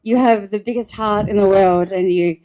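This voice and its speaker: Emotional bride, tearful and heartfelt. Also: female voice, mid-range voice, steady tone, mellow. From Australia. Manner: heartfelt, tearful, halting with restarts. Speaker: bride giving wedding speech. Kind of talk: emotional wedding thank-you speech.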